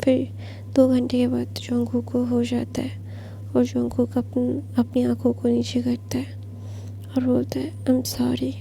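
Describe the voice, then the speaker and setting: A woman telling a fan fiction story in a soft, half-whispered voice. Her pitch stays slightly high but even, and the sound is dark and gravelly. A faint hum sits behind her. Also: a little slow.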